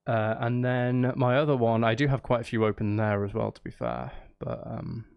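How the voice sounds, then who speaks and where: His smooth, medium-pitched voice carries vocal fry and little pitch movement at a normal speed, and the recording sounds muffled. The man, a live streamer and voice performer, talks casually while composing, thinking aloud, apologizing and interrupting himself.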